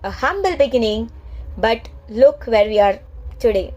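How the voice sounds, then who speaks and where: High-voiced earnest Indian woman. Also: animated, unhurried, darkish tone, muffled recording. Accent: Indian English. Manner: earnest and heartfelt, proud. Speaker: space science storyteller. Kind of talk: scripted storytelling vlog.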